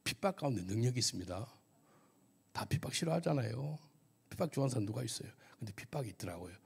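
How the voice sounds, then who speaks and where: A man's voice: mid-range voice, big pitch swings, quick pace, creaky, darkish tone, husky. A missionary pastor giving a testimony sermon at a church service, telling his story vividly and asking the audience questions.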